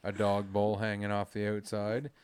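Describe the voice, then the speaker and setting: A man's voice: on the low side, completely flat delivery, moderate pace, a little mellow, slight background noise. A man in his forties, co-hosting a casual chat, joking and ribbing his wife. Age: 40s. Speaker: podcast co-host.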